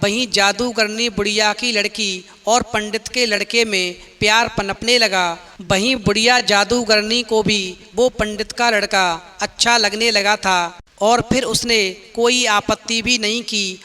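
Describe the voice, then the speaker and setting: A man tells a devotional folk tale in an earnest, steady storytelling cadence. His voice sits high for a man and has a very sharp, tense, cutting edge.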